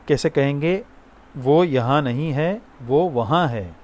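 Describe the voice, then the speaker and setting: A man teaching spoken Arabic, giving prompts, then saying each phrase slowly and asking the listener to repeat it. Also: a little high, a little mellow. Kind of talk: spoken language drill lesson.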